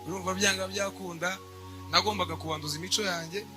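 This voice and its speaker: A man's voice: high voice, steady tone, over music. Young Rwandan man giving testimony. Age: young adult. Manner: measured, speaks in short bursts. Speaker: church testimony speaker. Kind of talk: church testimony in short phrases paused for an interpreter.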